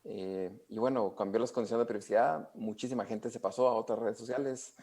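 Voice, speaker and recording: A man with a low voice answers as an expert guest. He explains step by step, pausing often and filling gaps with hesitations. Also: steady tone, a little mellow. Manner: hesitant, many fillers, explanatory. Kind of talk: interview answers.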